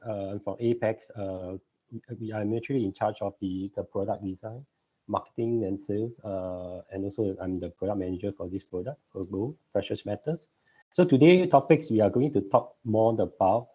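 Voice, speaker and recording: A man with a low, mellow, slightly husky voice talks through an online group call, and the sound comes through dull and lo-fi. He presents haltingly and fills his pauses with hesitation sounds. His computer mic gives the thin feel of a video call. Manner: halting, frequent filler sounds. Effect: online group call audio. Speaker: guest presenter.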